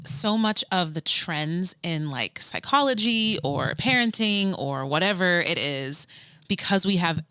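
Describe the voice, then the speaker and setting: Low-voiced chatty woman co-host. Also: animated, unhurried, sharp tone, smooth, dry recording. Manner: chatty, laughing easily, rambling with fillers. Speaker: podcast co-host and parent. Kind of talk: casual chat.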